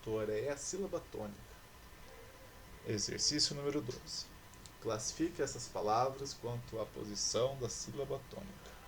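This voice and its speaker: A man teaching a recorded class, patient and explanatory, who slowly draws out each word as he works through its syllables. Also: medium pitch, a little hiss or hum. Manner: patient and explanatory, stretching out words as he spells syllables. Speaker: school teacher.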